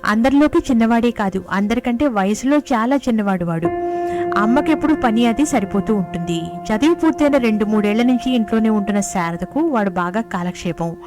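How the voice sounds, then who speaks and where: Female storyteller, expressive reading, slightly high voice, music bed. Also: fairly quick. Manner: gentle, expressive reading with dialogue in character. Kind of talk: reading a story aloud, voicing the characters. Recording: music playing behind the voice.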